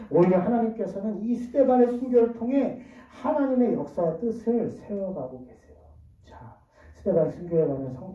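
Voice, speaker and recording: A preacher giving a lively children's sermon in church, often asking the listeners questions and swinging between loud and soft. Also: mid-range voice. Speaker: preacher to a children's Sunday school. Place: church hall. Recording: distant, dull, echoey church recording.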